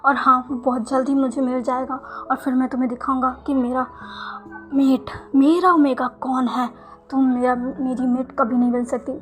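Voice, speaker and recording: A woman's voice: high-pitched, level tone, normal speed, soft background music, lightly acted. Woman voicing an angry young hero in a storybook. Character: young man, the story's hero, stern and quick to anger.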